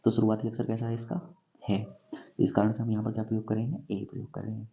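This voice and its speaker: A man teaching English grammar in a classroom-style lesson, going slowly and asking himself questions before he answers them. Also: lowish voice, monotone, vocal fry, dark tone, lo-fi sound. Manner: slow, repeats and quizzes himself with questions.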